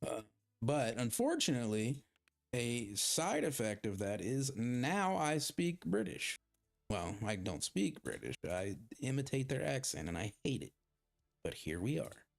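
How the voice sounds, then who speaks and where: Over a gaming stream, a male streamer with a mid-pitched, gravelly, creaky voice chats in a sing-song, unhurried way. He drifts off topic, lets thoughts trail away, and makes fun of himself as he plays for his viewers.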